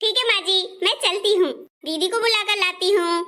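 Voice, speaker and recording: A woman's voice: very high-pitched, moderate pace, bright, forceful tone. A woman playing a cheeky, lazy young daughter-in-law who talks back in a comic family skit. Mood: teasing.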